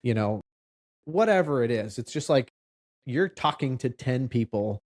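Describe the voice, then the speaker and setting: A man, a loan officer, talking casually on a podcast and explaining his points with examples and quick asides. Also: mid-range voice, lively intonation, a little mellow.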